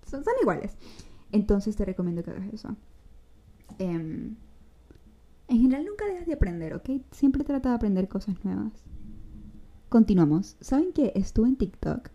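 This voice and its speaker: A woman's voice: mid-range voice, sing-song, moderate pace, long pauses, mellow. A young woman with a Venezuelan accent hosting a casual solo podcast, chatting directly to listeners and giving advice with slang. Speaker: podcast host.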